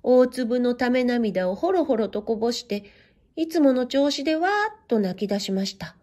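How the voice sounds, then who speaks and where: A woman reading a children's story aloud in gentle, measured, old-fashioned storybook narration. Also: fairly high pitch.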